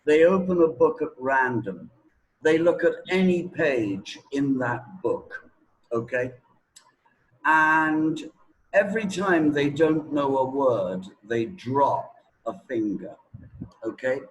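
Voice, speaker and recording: In poor audio, a man with a mid-range, expressive voice speaks slowly as a language teacher being interviewed. He teaches conversationally, frequently tagging on "right?", "okay?" and "yeah?" to confirm he's being followed.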